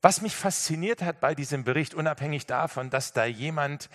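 A man preaching a sermon, telling a story in an emphatic, lively way and speaking directly to his listeners. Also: on the high side, fairly quick.

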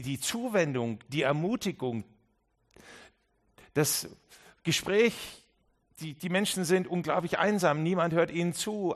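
A man preaching a Christmas sermon, speaking straight to the listener with many restarts and swings between quiet and emphatic passages. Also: fairly high pitch. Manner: earnest, direct address with many restarts.

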